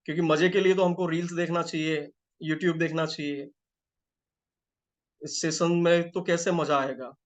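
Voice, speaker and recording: A man's voice: on the high side, fairly even intonation, normal speed. A life coach, a man, teaching a live group session in a conversational way, repeating phrases and checking that listeners follow, while feeling a little unwell.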